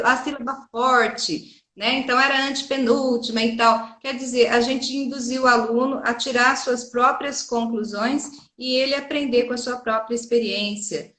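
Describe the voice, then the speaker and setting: A woman's voice: high voice, fairly even intonation, normal speed, a bit bright. Brazilian woman teacher in echoey room. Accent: Brazilian Portuguese. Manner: earnest, explains with many examples and tag questions. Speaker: Portuguese and literature teacher. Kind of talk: interview conversation.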